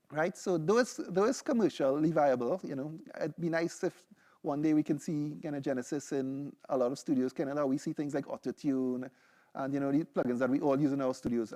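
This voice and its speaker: Medium in pitch and a little mellow, this young man's voice carries a Trinidadian accent as he presents a seminar with a live demo as a PhD candidate. He's casual and conversational throughout, checking in often with "right?" and "you know".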